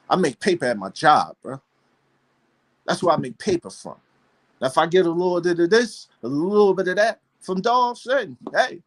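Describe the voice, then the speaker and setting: A man with a somewhat high voice hosts a live panel show in a casual, fervent style. He sounds preachy and keeps asking rhetorical questions. He repeats his phrases over and over. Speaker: dog breeder hosting a live panel show. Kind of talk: casual passionate monologue.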